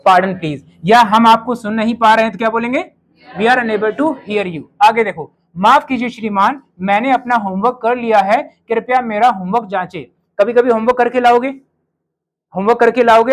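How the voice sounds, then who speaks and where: A male teacher gives a spoken English lesson to his students. He slows right down to say each sample sentence with care. He keeps quizzing the class with rhetorical questions. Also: very high voice, rough recording. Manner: says English model sentences slowly and clearly, then quizzes students.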